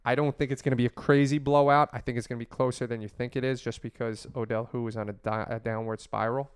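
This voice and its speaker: A man's voice: mid-range voice, little pitch movement, quick pace, clean tone, no echo, studio quality. A man co-hosting a fantasy football podcast, chatting casually with crude, joking banter. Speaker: podcast co-host. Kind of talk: casual chat.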